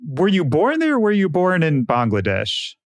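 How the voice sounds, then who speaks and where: A man's voice: a little high, huge pitch swings, moderate pace, no room sound, studio quality. A man hosting a casual interview podcast, enthusiastic and chatty, asking long rambling questions. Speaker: podcast host.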